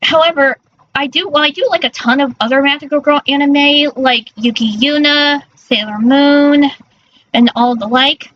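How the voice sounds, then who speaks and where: A woman's voice: sits high, moderate pace. A woman chatting casually on a livestream in a cute, girlish anime-streamer manner, often stumbling over her words. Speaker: streamer, virtual character persona. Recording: dull lo-fi mic with faint noise.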